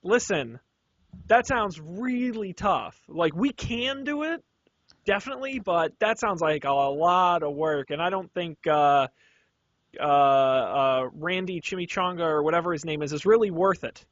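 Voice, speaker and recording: High-voiced man doing fast sales patter. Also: lively intonation, a bit bright, no echo, highs cut off. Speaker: player. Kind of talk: casual tabletop game banter.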